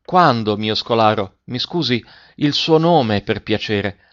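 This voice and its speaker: Man playing an old retired schoolmaster, trembling full voice, humble, nostalgic, slow, dull lo-fi sound. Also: on the low side, expressive, a bit bright, no room sound. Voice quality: slightly trembling but full voice. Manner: courteous, wistful, slow remembering. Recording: dull lo-fi recording.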